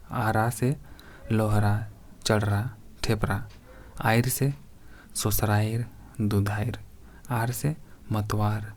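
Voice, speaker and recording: A man's voice: on the low side, a little mellow. A man teaching a grammar lesson for exam preparation, reading out word examples one by one and addressing viewers as friends.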